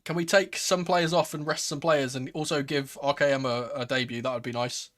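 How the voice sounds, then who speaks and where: A man hosting a live football watchalong, calling the play in a casual, excitable fan's manner. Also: on the high side, a little fast. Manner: excitable, swearing, shifting from murmured play-by-play to raised exclamations. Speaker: host of a football watchalong stream. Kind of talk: live football commentary with casual fan reactions.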